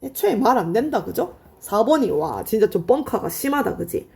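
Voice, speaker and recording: A woman teaching high school literature in an online lecture, explaining in a friendly, chatty way and answering her own questions. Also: sing-song, moderate pace, creaky, a little mellow, breathy edge. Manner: asks students questions and answers them herself.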